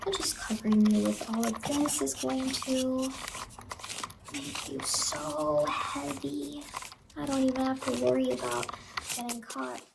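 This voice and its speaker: A woman plays a sinister, playful immortal clown in a horror ASMR roleplay, softly murmuring and coaxing the listener and often dropping into whispers. Her high voice has vocal fry, the performance is heavily acted with quiet menace, and the background is noisy.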